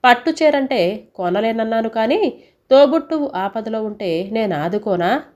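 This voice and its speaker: A woman's voice: a little high, animated, unhurried, darkish tone. A woman voicing an earnest grown son weighed down by debt. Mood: reassuring. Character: earnest adult son burdened by debts.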